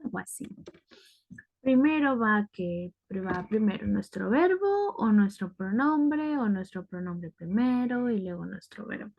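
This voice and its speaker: A woman's voice: medium pitch, animated, measured pace, gravelly, dull audio. A woman teaching a grammar lesson, patient and methodical, often checking in with the class. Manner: patient, repeats "ok" to check understanding. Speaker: English teacher.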